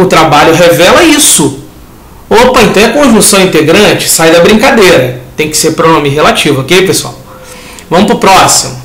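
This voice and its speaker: A man's voice: high-pitched, fairly bright tone, echoey room. A man with a Brazilian Portuguese accent teaching a lesson that reviews exam answers, talking the class through each step and acting out students' questions.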